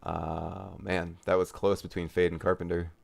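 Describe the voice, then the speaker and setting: A man's voice: low-pitched, level tone, moderate pace, creaky, a little mellow. A man giving live play-by-play commentary on a drone race, chatting and joking with the pilots between heats.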